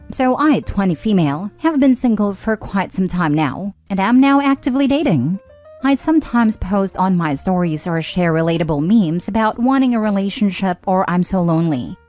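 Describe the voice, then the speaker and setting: A woman narrating online forum stories and adding her own comments, reading expressively with frequent lifts in pitch. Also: darkish tone. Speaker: story narrator.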